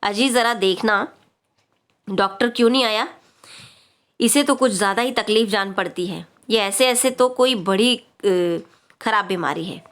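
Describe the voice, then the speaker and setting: A woman's voice: mid-range voice, unhurried, fairly bright tone, natural voice. A woman reading aloud the lines of a fretful, fussing mother worried about her sick son.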